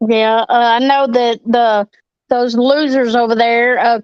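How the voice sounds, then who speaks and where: Southern woman host, slow drawl, blunt, dry muffled sound. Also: a little high, steady tone, a little mellow, smooth, dry recording. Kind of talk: casual livestream chat.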